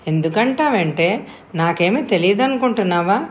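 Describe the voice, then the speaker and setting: A woman's voice: mid-range voice, lively intonation, moderate pace, lightly acted. A woman voicing a cheerful young woman who teases her best friend playfully. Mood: teasing. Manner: playful teasing. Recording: echoey room.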